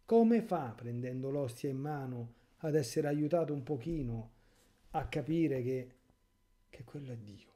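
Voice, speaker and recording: A man's voice: mid-range voice, animated, measured pace, dark tone. A man, a priest, giving a catechesis sermon in an impassioned, rhetorical way with sarcastic asides.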